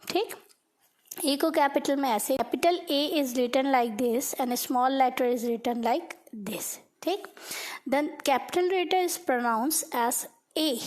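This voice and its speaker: A woman's voice: sits high, darkish tone. A woman tutor explaining a phonics lesson, mixing Hindi and English. She is patient, spells letters out one by one and checks in with "okay" after each point.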